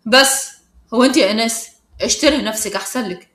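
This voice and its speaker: A woman with an Egyptian accent voicing a protective teenage schoolboy who talks in a calm, firm way. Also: on the high side, fast, roomy sound, natural voice. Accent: Egyptian Arabic.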